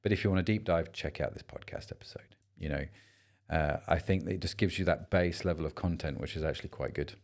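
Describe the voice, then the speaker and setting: A man's voice: low-pitched, fast, gravelly. A man co-hosting a business podcast, talking in a chatty, rambling way and joking around. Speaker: podcast co-host. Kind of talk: casual podcast chat.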